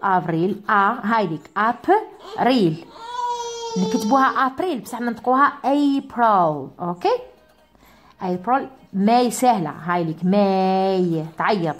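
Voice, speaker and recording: A woman with an Algerian Arabic accent teaching English, slowly repeating each word for her pupils. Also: medium pitch. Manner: drawn-out repetitions of words for pupils. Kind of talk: classroom lesson.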